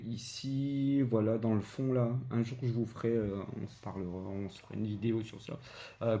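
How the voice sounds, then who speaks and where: A man's voice: on the low side, warm tone. A man with a Belgian French accent casually showing his flea market video game finds, hesitant with many filler sounds. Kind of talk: casual vlog commentary. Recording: dull lo-fi home recording with noise.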